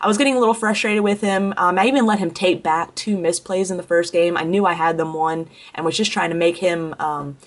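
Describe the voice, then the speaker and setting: A young woman with a head cold chats casually through a tournament recap as a card game player, her voice congested and full of ums and self-corrections. She speaks briskly with few pauses, in a lowish voice with fairly even intonation.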